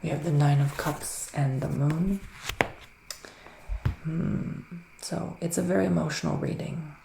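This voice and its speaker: An ASMR performer plays a gentle male witch giving a psychic tarot reading, his fairly high voice soft, breathy, and often sinking to a whisper. He speaks slowly and soothingly with deliberate pauses and fairly even intonation, in an intimate roleplay. The sound is roomy, with some background noise.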